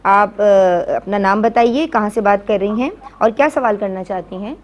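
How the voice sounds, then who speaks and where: A woman's voice: medium pitch, slight background noise. Polite woman hosting a religious TV show. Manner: polite, brief acknowledgements, formal greetings. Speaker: host.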